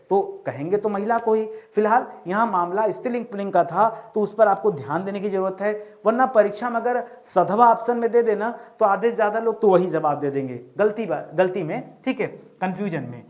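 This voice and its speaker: A male teacher giving an exam-prep grammar lesson, who keeps repeating his questions back to the viewers and slows down to spell out key words. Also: sits high.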